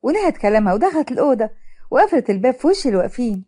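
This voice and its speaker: Egyptian woman narrating a cartoon story, fast and lively, high voice.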